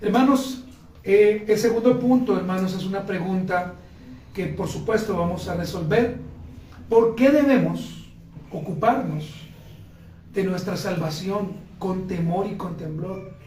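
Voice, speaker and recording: A man's voice: sits high, measured pace, darkish tone, a little hiss or hum. A Colombian man preaching a sermon as pastor, fervently calling out to the brethren. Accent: Colombian Spanish. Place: church hall. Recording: echoey church hall, mic from a distance.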